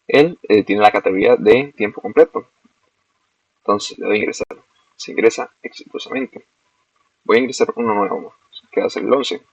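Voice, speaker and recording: Gravelly young man. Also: on the low side, normal speed, pauses often, dry recording. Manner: explains step by step, self-corrects. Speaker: student presenting a project. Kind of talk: screen-recorded software demo. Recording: dull, lo-fi dry recording.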